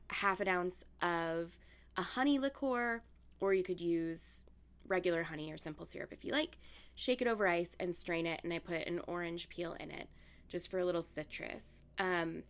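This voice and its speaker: A young woman co-hosting a podcast has a husky, worn-out, deep and raspy voice from yelling. She chats loosely, laughs easily while talking, and drifts into telling a story at a relaxed conversational pace.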